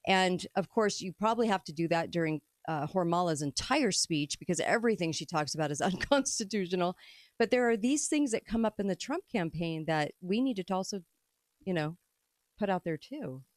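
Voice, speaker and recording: A woman's voice: fairly low pitch, expressive, moderate pace, dry recording, studio quality. A woman hosting a political talk radio show in a conversational, emphatic way.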